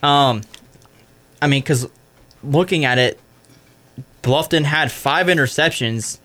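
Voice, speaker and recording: A young man hosting a college radio sports show, giving a casual recap full of "I mean" and quick self-corrections. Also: on the high side, bright, forceful tone.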